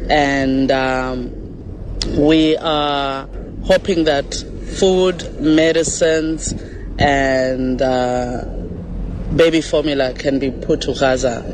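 A man, a writer and activist, gives a slow, measured statement with frequent pauses and fillers, recorded with background noise. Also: medium pitch, steady tone. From South Africa.

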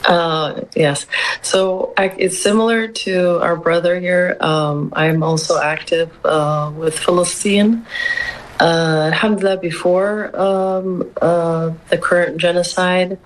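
Slow, low-voiced hesitant woman. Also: fairly even intonation, low-quality recording. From United States. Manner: hesitant, many um fillers. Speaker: interview guest, activist. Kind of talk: casual interview answers.

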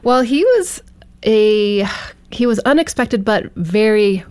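A woman from Canada, a teacher and author, telling her story in a chatty, animated way. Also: medium pitch, slow pace, clean tone. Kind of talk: interview storytelling.

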